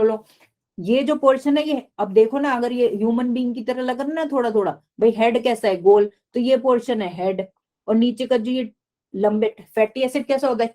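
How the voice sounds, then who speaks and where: A woman's voice: a little high, warm tone. A woman teaching biology in a live online class, explaining step by step and often asking the class questions.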